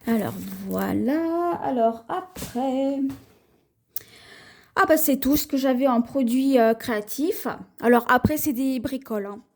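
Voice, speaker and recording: A woman with a French accent, chatting slowly through a haul video at home, showing her purchases with many pauses and fillers. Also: high-pitched, expressive, darkish tone. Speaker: haul vlogger. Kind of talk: casual haul video, showing items to camera.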